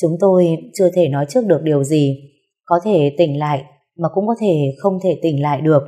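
A woman voicing a middle-aged male doctor who speaks in a measured, matter-of-fact way in a storybook reading. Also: low-pitched, warm tone. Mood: calm.

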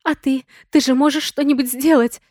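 A woman voicing a desperate, tearful young woman who shouts and pleads in shrill bursts. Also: unhurried, no echo, clean studio sound. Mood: frantic.

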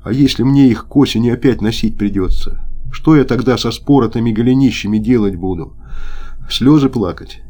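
A man voicing a stubborn wounded soldier who scolds in a gruff, folksy way. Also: medium pitch, moderate pace, mellow, faint music behind, close to an everyday voice. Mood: furious.

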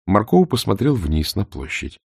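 A man's voice: on the low side, big pitch swings, normal speed, gravelly, a little mellow, husky, dry recording. A man narrating an audiobook expressively, voicing each character, on a close studio mic. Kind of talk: scripted narration.

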